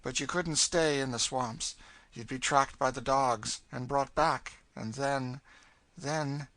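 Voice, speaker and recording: A male reader acts out a bitter storybook woman who has given up hope. The pitch is raised and the tone is hard and forceful. She is world-weary and fatalistic, leaning on her words with emphasis. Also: takes it slowly, no room sound. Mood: grim.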